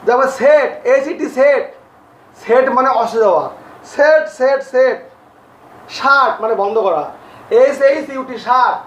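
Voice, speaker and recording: A male English teacher, teaching grammar to a class slowly, repeating and spelling out each word. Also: extremely high pitch. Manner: slow, repeats and spells out words. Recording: echoey, distant, dull lo-fi audio.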